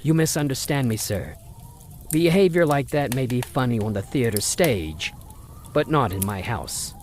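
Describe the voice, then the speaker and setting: The old-time radio drama has a male voice actor as Mister Spencer, a stern and condescending wealthy older father who refuses a suitor. He sounds animated in a mid-range voice at a moderate pace, with slight background noise.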